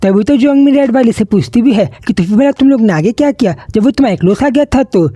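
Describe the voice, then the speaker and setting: A woman with a Hindi accent retelling a comic story episode quickly, mixing in English words and linking lines with repeated connectors. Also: fairly high pitch, animated, mellow, slightly rough, dry recording, clean studio sound. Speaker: manhwa recap narrator.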